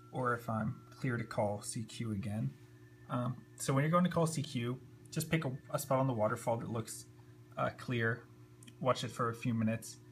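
Working at an indoor computer desk, a man talks through an unscripted tutorial in a relaxed way, now and then muttering to himself. His voice is creaky and mid-pitched, picked up by a handheld camera just off-screen, and a faint hum and noise run underneath.

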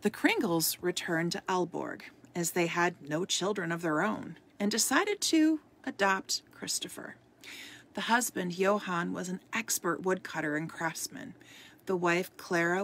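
A woman reading a storybook aloud as a podcast host, soft-spoken and at times dropping into a whisper. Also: lowish voice, gravelly.

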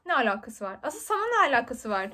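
Fast-talking chatty young woman. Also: sits high, very animated, pushed and bright, slight background noise. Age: 20s. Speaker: book vlogger. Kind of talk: casual unboxing chat.

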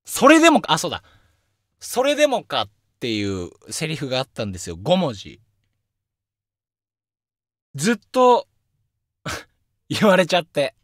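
Young male radio host, chatty and self-mocking, slightly high, very dry studio sound. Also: unhurried, long pauses, no room sound. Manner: lively, animated storytelling with self-deprecating asides. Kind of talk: casual solo radio talk. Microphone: studio microphone.

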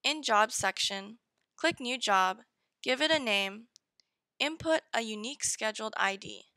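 A woman with a fairly high, bright voice narrates a software tutorial step by step, giving short, direct instructions. The sound is dry and close to the mic. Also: lively intonation, measured pace, dry recording, rough recording. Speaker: software demo presenter.

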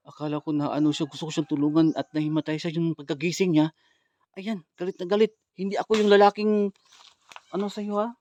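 Man, ghost-hunting vlog, outdoors in the woods, camera mic, hushed asides, mellow dark tone. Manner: low hushed asides to the camera, then loud urgent calling out. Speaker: ghost hunter vlogger. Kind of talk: live walkthrough vlog addressed to viewers. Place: outdoors in a forest.

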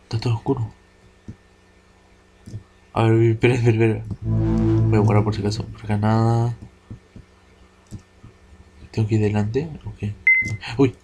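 A man's voice: on the low side, level tone, measured pace, pauses often, heavy background noise. A man doing casual gameplay commentary, thinking aloud in a hesitant way. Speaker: let's play gamer.

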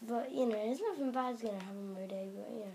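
With a fast, slightly mellow voice of medium pitch, a young-sounding gamer riffs in improvised role-play on a video game, rambling and exclaiming. A camera films the television indoors at home, catching game music and a little hiss or hum.

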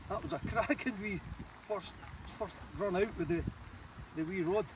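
A man's voice: high-pitched, normal speed. Scottish man chatting on a riverbank. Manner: chatty, relaxed, uses dialect words. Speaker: angler. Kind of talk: casual chat. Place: outdoors on a riverbank. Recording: distant voice with outdoor noise.

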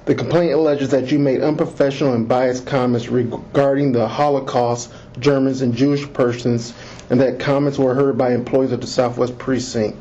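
A man's voice: medium pitch, steady tone, warm tone. Man reading an interview script on tape. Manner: slow, deliberate, measured reading. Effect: interview taped on an audio recorder, like an interrogation tape. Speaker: police lieutenant conducting an internal investigation interview. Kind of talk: formal official interview, reading set admonitions. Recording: muffled lo-fi interview recorder audio with faint hiss.

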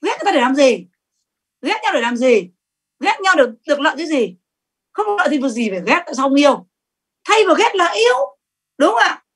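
A middle-aged woman giving a sales training talk, lively and emphatic, often asking the audience questions. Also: high-pitched, fairly quick, long pauses.

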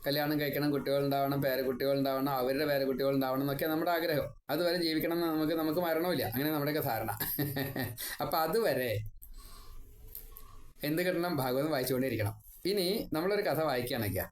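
Older male teacher, recites verses slowly and explains fast; light voice, echoey room. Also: a little high. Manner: chants Sanskrit verses slowly, then explains quickly. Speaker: Bhagavatam teacher. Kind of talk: religious discourse, explaining Sanskrit verses.

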